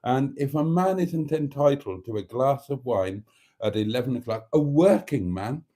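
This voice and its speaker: A man's voice: medium pitch, expressive, moderate pace, mellow. A British man hosting a live show in a chatty monologue, with a camp, theatrical, effusive and cheeky manner.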